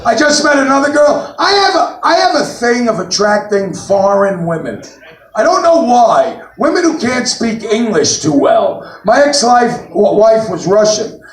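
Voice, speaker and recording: Brash New York comic, gravelly voice. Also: male voice, very high-pitched, sing-song, measured pace. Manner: brash, blunt, punchy delivery with sudden loud punchlines. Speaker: stand-up comic. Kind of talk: stand-up comedy set. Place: brewery stage, live room. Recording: roomy live venue, mic at a distance.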